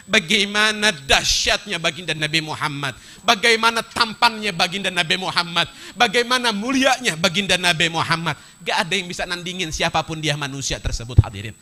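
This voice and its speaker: A man preaching a storytelling sermon who weaves Arabic phrases into his narration, calls out to the congregation again and again, and drops into a hushed voice at tender moments. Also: high voice. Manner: repeatedly addresses the congregation directly. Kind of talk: storytelling sermon at a religious gathering.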